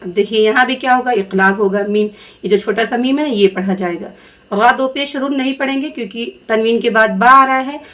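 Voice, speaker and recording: A woman teaching Quran reading, spelling out letters slowly and patiently before blending them into words. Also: a little high, a bit bright. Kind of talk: slow spelled-out recitation lesson.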